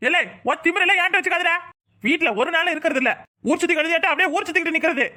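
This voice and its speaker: A woman's voice: very high-pitched, racing, background noise. A woman voicing a stern old grandfather who scolds his daughter-in-law and grandson, with a southern Tamil Nadu accent. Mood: scolding. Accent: southern Tamil Nadu, Tirunelveli-Kanyakumari. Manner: scolding, threatening.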